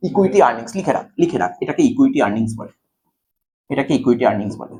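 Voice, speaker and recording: A man's voice: mid-range voice, expressive, fast talker, mellow, a little hiss or hum. A male commerce tutor with a Bengali accent, giving a whiteboard math lecture and coaxing students with constant checks that they follow. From India.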